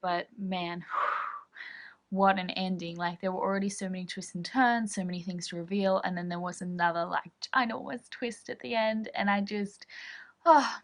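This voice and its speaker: A woman's voice: mid-range voice, fairly even intonation, moderate pace. A young woman from Australia, chatting casually in a reading vlog and gushing with lots of fillers. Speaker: book vlogger.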